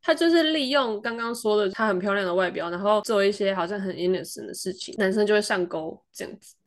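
A woman with a Taiwanese Mandarin accent, chatting on a podcast and telling a story in a lively way, acting out the people she quotes. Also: fast. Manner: animated, acts out quoted voices with big pitch jumps and laughs. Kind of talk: casual chat storytelling.

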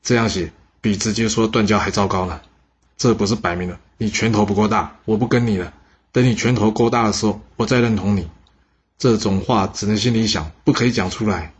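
Husky-voiced man telling history. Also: fairly low pitch, steady tone, brisk, lo-fi sound. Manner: chatty, asides to the listener. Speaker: podcast storyteller. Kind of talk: casual history storytelling.

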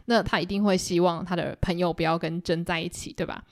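A woman hosting a podcast, casually retelling a novel in a chatty, animated way. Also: on the low side, a little fast, no echo, clean studio sound. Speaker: podcast host. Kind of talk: casual book-club retelling.

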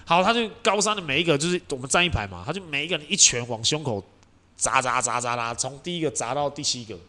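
Fast-talking animated young man. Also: medium pitch. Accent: Taiwanese Mandarin. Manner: animated, acts out quoted voices, laughs often. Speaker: podcast host. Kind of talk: casual storytelling chat.

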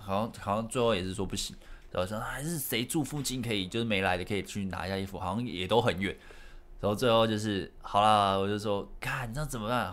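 A man's voice: lowish voice, a bit bright. A young man with a Taiwanese Mandarin accent, chatting casually on his solo podcast in a rambling, self-correcting way. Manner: rambling, self-correcting storyteller with frequent laughs. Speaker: podcast host.

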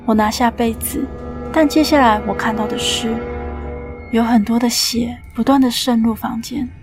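A woman's voice: on the high side, fairly even intonation, normal speed, music in the background. A woman hosting a podcast, narrating a ghost story with tension and acting out the quoted lines.

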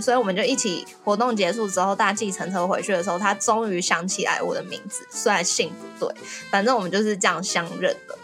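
A young woman from Taiwan tells a personal story in easy podcast chat, her voice climbing high whenever she gets excited. She sounds lively and animated, and soft music sits faintly behind her. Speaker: podcast co-host.

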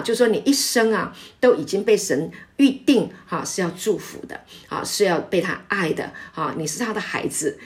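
Woman pastor preaching. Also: mid-range voice. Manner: warm, emphatic preaching with frequent filler sounds. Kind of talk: sermon.

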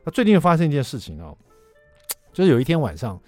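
Animated middle-aged radio host. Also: male voice, fairly high pitch, fast talker, soft background music. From Taiwan. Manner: animated, self-mocking anecdote telling. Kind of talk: radio talk show storytelling. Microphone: studio microphone.

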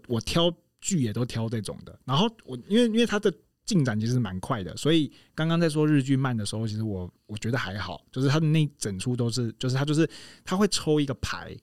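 A man chatting on a podcast, quick and rambling, he trips over his words and circles back as he explains, and the sound is close and dry with no room around it. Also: mid-range voice, very animated, no room sound. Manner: rambling storyteller with many restarts and laughs. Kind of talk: casual podcast chat.

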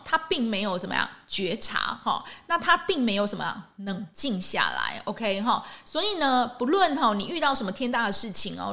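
Woman podcast host, fairly high voice, relaxed solo talk, keeps adding "ha" and asking "right?". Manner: ends phrases with a soft "ha" tag, asks rhetorical questions. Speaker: medical worker.

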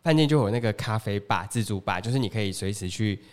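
Fast-talking Taiwanese man telling stories. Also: lowish voice. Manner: animated storyteller, acts out overheard people in raised voices. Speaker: podcast co-host. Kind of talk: casual chat.

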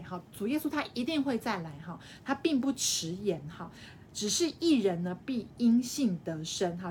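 A woman teaching a live-streamed Bible study, explaining by repeating her phrases and tagging sentences with a soft "ha". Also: a little high, slight background noise.

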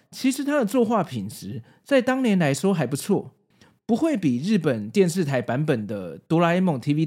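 This man has a fairly high-pitched voice with a dark tone and a Taiwanese Mandarin accent. He hosts a podcast, mixing narration with casual commentary.

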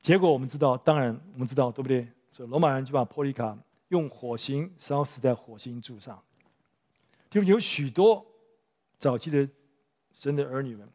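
A pastor preaching a sermon in church, telling a story with rhetorical questions to the congregation. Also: male voice, medium pitch, darkish tone.

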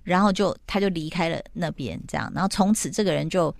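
Woman host, middle-aged, animated storyteller, lower voice, dry close sound. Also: fast, creaky, no echo. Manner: animated storytelling, acting out quotes. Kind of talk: casual chat retelling a TV plot.

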